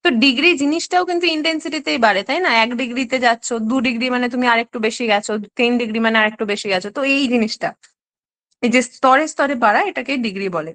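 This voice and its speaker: A woman's voice: a little high, fast, a bit bright. A woman teaching an online exam-prep lesson. She explains step by step and keeps checking in with her students.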